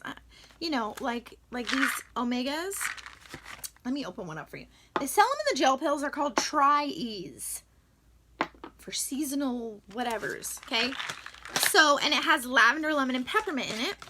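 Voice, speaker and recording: A woman's voice: high voice, noisy background. A young woman chatting casually to the camera, enthusiastic and full of fillers, sharing tips on essential oils.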